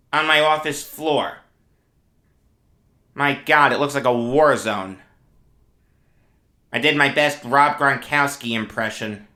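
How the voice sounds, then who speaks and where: A man hosting a sports show, ranting emphatically and swinging into loud shouted tirades. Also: fairly high pitch. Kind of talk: sports commentary rant. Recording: roomy echo.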